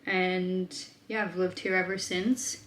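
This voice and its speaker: A woman's voice: on the low side, flat delivery, slow, a bit bright, slight background noise. A young woman from Australia, chatting casually as a vlogger and answering viewer questions, thinking aloud with lots of fillers. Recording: roomy echo.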